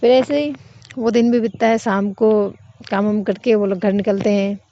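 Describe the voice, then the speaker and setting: A woman telling a romance story in an easy, conversational way, with many filler links. Her voice is mellow and gravelly. The recording is dry and dull, lo-fi. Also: mid-range voice, fairly even intonation, moderate pace. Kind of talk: casual story narration.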